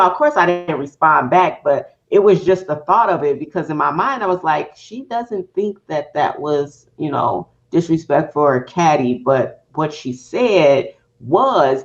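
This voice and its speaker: A woman's voice: low voice, lively intonation, normal speed, hardly any pauses. A woman hosting a casual chat, telling a story in a rambling way and acting out her own thoughts as quotes. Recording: dull, lo-fi sound.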